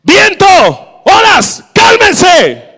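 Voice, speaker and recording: A man voicing Jesus as he loudly commands the wind and waves to calm, in a reverberant hall. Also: very high voice, drawn-out words, pitched above the performer's own voice, exaggerated voice. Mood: commanding. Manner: loud commanding rebuke.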